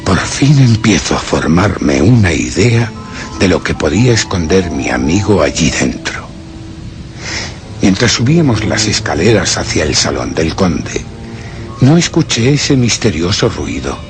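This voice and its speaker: A brooding gentleman narrates a suspense radio drama in the first person, recounting his vengeful suspicions as he broods through his deductions. His low voice is deliberate yet very expressive, measured and theatrical in its storytelling, with music playing underneath.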